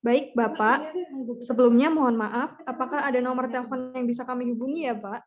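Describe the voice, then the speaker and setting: A woman's voice: high-pitched, fairly even intonation, a little fast. A woman playing a polite, formal company secretary who takes a phone call in a courteous, scripted role-play. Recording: muffled, lo-fi video call.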